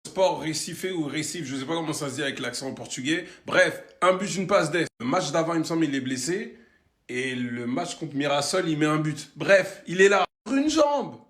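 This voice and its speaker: A man reacting to football highlights in an animated way, breaking into shouts and exclamations. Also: normal speed, reverberant. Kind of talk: excited reaction video.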